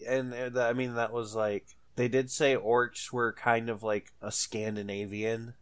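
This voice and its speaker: A man's voice: mid-range voice, little pitch movement, a little slow, fairly bright tone, clear, resonant tone. A man chatting casually about tabletop games, telling stories in a crude, offhand way.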